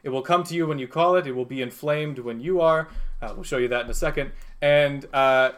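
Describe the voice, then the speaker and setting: A mid-pitched man runs a tabletop game as its game master. He improvises his narration informally, feeling his way through it with many halts and fillers. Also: brisk, a bit bright.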